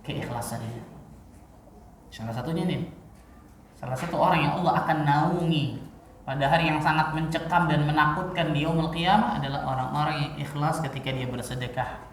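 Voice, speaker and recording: A man preaching a sermon in a lively teaching manner, full of rhetorical questions and casual asides. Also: on the high side, normal speed, slight background noise. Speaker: Islamic preacher. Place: mosque. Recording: echoey hall, mic far off.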